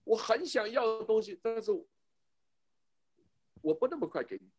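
A man's voice: high-pitched, expressive, normal speed, darkish tone. A middle-aged man giving a sermon on parenting as a church speaker, emphatic and fond of rhetorical questions to his listeners.

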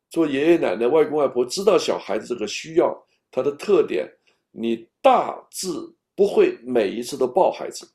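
A man giving a patient, step-by-step talk on raising children, at times speaking straight to an imagined baby and dropping to a soft whisper. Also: on the high side. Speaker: parenting speaker.

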